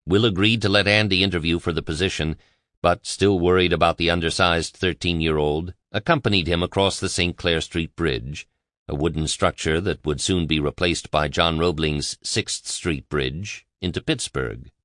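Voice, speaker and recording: A man reading a biography aloud as an audiobook narrator, in a measured, even delivery. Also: low-pitched, no echo, studio quality.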